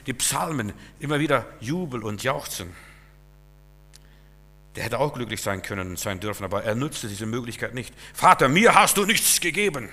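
Bright-voiced man preaching in a reverberant hall. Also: mid-range voice. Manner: lively and emphatic, with sudden loud bursts and soft drops. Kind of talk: sermon.

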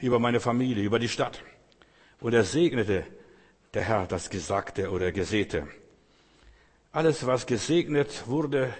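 Male preacher, earnest and fervent, husky tone, long hall echo. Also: medium pitch. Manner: earnest, rises to loud fervent prayer. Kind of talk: sermon.

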